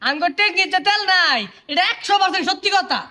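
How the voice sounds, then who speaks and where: An actress playing an indignant bystander scolding a hoarder. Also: female voice, extremely high pitch, quick pace, pushed and bright. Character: scolding outspoken woman bystander. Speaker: indignant bystander in a comedy skit. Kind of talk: comic sketch acting.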